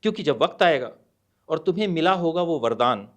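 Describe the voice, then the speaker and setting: A middle-aged man, a guest author on a podcast, speaking in a measured, deliberate way and mixing Hindi and English, with hesitant pauses. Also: fairly high pitch, lively intonation. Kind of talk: podcast interview, reading a poem aloud.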